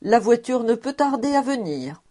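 A woman's voice: a little high, big pitch swings, normal speed, dark tone, voice pushed up. Woman reading as a dapper cheerful man. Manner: cheerful, inviting.

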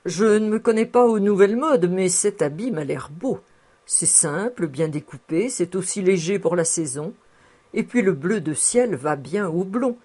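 A woman's voice: lowish voice, expressive, measured pace, warm tone, slightly rough. A woman voicing a fussing, cheerful old housekeeper in her sixties who chuckles as she coaxes. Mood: coaxing. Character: cheerful old female housekeeper, sixty-four, toothless.

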